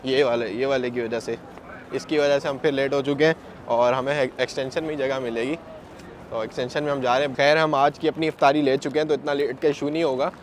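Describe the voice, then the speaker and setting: Speaking briskly at medium pitch with fairly even intonation, this man narrates his own handheld travel vlog despite a sore throat. He chats to viewers, calling them brother, as he walks around outdoors and through a large, busy mosque extension, shown in a noisy outdoor phone recording.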